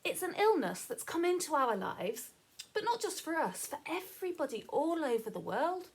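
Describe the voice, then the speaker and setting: Pitched high and moving at a moderate pace, a woman reads a story to kids the way a teacher would, stopping to explain things, asking them questions, in a lively sing-song style.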